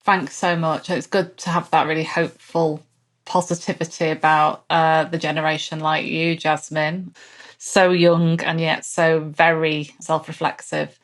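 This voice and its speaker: A woman's voice: deep voice, flat delivery, unhurried. A woman hosting an interview, asking thoughtful questions with frequent restarts. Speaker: sociologist host interviewing guests. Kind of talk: conversational interview.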